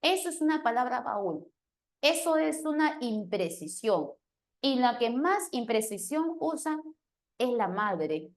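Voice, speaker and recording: A woman teacher giving an animated lesson, often checking in with her listeners. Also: fairly high pitch, takes it slowly. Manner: animated, questioning, keeps asking "¿sí o no?". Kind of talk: lively classroom lesson.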